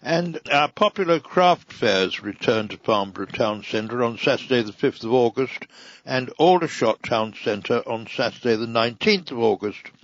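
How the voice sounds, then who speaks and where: Guy reading out a council magazine, spells stuff out slow, kinda dull lo-fi sound. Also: medium pitch, no room sound. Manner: careful, spells out addresses slowly. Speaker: audio magazine reader. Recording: dry, dull lo-fi recording.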